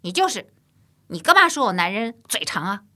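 A woman voicing a quick-tempered young widowed mother in a storybook, scolding in a shrill, lively voice. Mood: indignant. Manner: scolding, shrill when angry.

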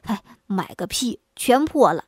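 A woman's voice: mid-range voice, big pitch swings, unhurried, dry recording. Blustering hothead peddler guy who grumbles at everyone, as a woman storyteller puts him on, dry close sound. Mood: grumbling. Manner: blustering, complaining. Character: hot-headed grumbling male pot peddler.

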